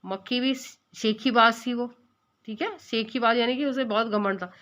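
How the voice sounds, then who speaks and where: A woman's voice: fairly high pitch, normal speed, a bit bright, dull audio. Woman teacher explaining a story lesson. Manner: asks the children questions and explains words. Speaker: school teacher.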